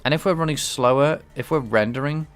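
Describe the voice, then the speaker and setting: Explaining his game engine while he live-codes, a man thinks aloud in a medium-pitched, smooth, brisk voice, faint music behind him. He's a game developer streaming his work, giving casual commentary marked by hesitations and restarts. He sounds somewhat nasal and blocked up from a cold.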